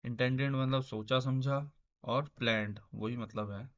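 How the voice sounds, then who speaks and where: A man with an Indian English accent teaching vocabulary in a casual style, explaining slowly, repeating words and chuckling now and then. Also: mid-range voice, fairly even intonation. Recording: dull lo-fi sound.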